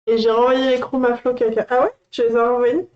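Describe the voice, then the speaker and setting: A woman hosting a coloring channel, gushing and excitable as she unboxes on a casual livestream and chats to her viewers. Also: on the high side, brisk, lo-fi sound.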